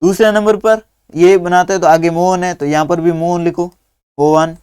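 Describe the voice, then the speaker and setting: A man teaching young children through a workbook, dictating words slowly and patiently one at a time. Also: high voice, fairly even intonation, darkish tone, clean tone, no room sound, studio quality.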